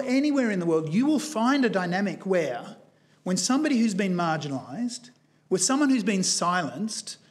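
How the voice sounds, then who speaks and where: A man preaching a sermon in a church, earnest and emphatic, telling a story with shifting pace. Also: high-pitched. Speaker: guest preacher.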